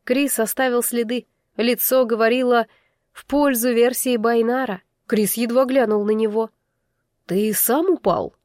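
A woman's voice: fairly high pitch, fairly even intonation, normal speed, a little mellow, no echo, studio quality. A woman narrating a fantasy audiobook in the first person, tense and inward.

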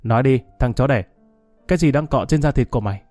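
A man playing a cocky young thug who taunts and threatens in a theatrical way. His voice is dark and mellow, and it sounds dry and close. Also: mid-range voice, fast, no echo, soft background music, natural voice. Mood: menacing, mocking. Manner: menacing, showy, theatrical. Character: swaggering young street thug with flowery speech.

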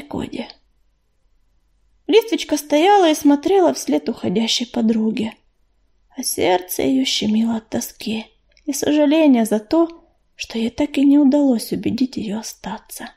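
A woman narrating an audiobook in a calm, expressive reading style. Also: sits high. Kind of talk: scripted narration.

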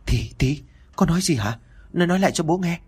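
A man's voice: mid-range voice, animated, a little fast, husky. A man playing a worried young father who keeps asking anxious questions, in an audio story.

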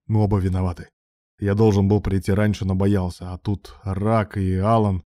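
A man's voice: low-pitched, level tone, moderate pace, dark tone, dry recording, studio quality, natural voice. A man voicing a drunk, sneering young man. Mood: tender. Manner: sneering, sarcastic.

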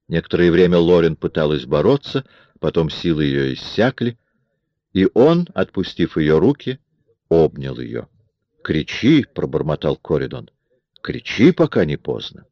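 Male audiobook narrator, deep voice, lively intonation, dull lo-fi sound, dry. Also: moderate pace, no room sound.

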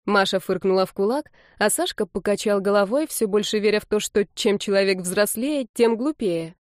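A woman narrating an audiobook with a lively, expressive reading. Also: medium pitch, moderate pace, no room sound, studio quality.

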